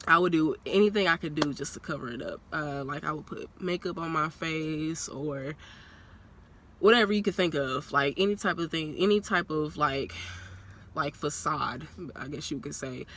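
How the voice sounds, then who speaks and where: Young woman talking into her phone in her car, kinda stuffy from a cold, bright voice, faint noise behind. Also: deep voice, moderate pace. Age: young adult. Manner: chatty, rambling, laughs often. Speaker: vlogger. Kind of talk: casual talking-head vlog. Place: parked car. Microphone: phone propped on a purse.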